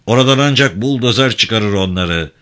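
A man's voice: on the low side, expressive, normal speed. A man voicing a commanding leader in a desperate escape, barking orders. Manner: barked commands, shouting.

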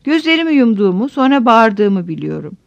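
Woman reading scared young village girl, trembling, halting, high and lively, storybook. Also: vocal fry, no room sound, dull audio. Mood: pleading.

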